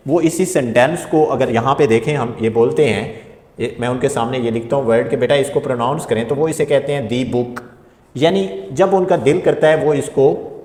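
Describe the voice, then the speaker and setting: A man teaching a spoken English lesson, spelling words out letter by letter and stating rules slowly and deliberately. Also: mid-range voice, darkish tone. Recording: echoey room with long reverb.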